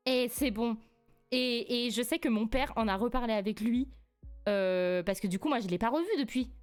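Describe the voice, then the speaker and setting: A young woman from France in her twenties, streaming live and telling a family story in a casual, animated way, laughing often. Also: a little high, normal speed, clear, resonant tone, faint music behind. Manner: animated, laughs often, rises sharply when indignant.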